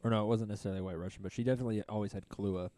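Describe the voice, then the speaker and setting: A man's voice: lowish voice, steady tone, racing, dark tone. A man co-hosting a casual podcast among friends, joking and teasing crudely. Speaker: podcast co-host.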